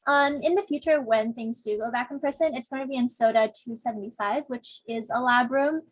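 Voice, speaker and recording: This young woman from Southern California is a teaching assistant opening a casual online discussion section over a video call. Her voice sits a little high and she talks briskly, chatty and self-deprecating with plenty of fillers. The recording is low quality but has no echo.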